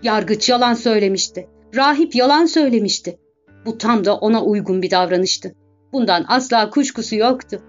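A female audiobook narrator gives a measured, dramatic literary reading in a mid-pitched voice. The track is dull and lo-fi, with faint music underneath.

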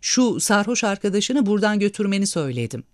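A man voicing an angry young woman who shouts sharply at a drunk man in a read-aloud story. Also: mid-range voice, big pitch swings, fast, no room sound, clean studio sound, voice pushed up, lightly acted. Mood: furious.

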